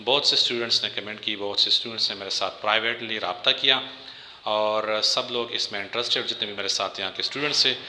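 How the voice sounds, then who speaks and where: A man teaching a language lesson, patiently repeating each word slowly for learners. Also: fairly low pitch, steady tone, bright, forceful tone, echoey room, a little hiss or hum.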